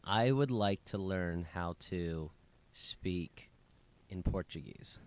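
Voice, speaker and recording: Joking man in his thirties, lowish voice. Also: lively intonation, takes it slowly. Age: 30s. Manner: joking, teasing, playful. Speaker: podcast co-host, pastor. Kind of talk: casual chat.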